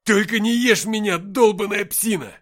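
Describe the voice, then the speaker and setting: A man voicing a panicky, foul-mouthed young male writer in an audiobook, with whiny yelling. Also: on the high side, very animated, normal speed, slightly rough. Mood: panicked. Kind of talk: audiobook character voice.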